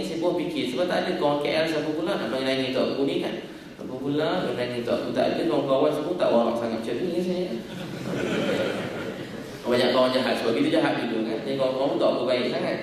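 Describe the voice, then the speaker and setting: A man's voice: mid-range voice, darkish tone, slight background noise. A male preacher giving an earnest, emotional sermon full of stories and rhetorical questions. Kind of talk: religious sermon. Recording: echoey hall, distant mic, faint ambience.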